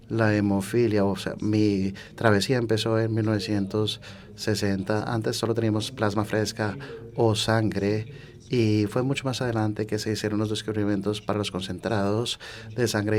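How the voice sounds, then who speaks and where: A man with a fairly low voice interprets a conference talk. His delivery is measured, coming in halting phrases with occasional self-corrections. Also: darkish tone. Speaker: simultaneous interpreter.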